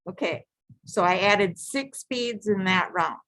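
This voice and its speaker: A woman leads a live beading lesson from her craft table, talking slowly and calmly through each step. She repeats each instruction and now and then restarts a phrase. Her voice sounds close and dry, with no room echo. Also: medium pitch. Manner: patient, repetitive step-by-step instructions with self-corrections.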